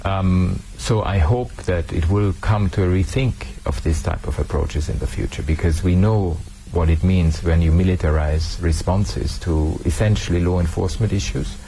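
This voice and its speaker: Gravelly low-voiced man, earnest official. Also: normal speed, few pauses, mellow, a little hiss or hum, low-quality recording. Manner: earnest, with frequent hesitations and repeated words. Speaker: human rights official. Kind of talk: interview answers.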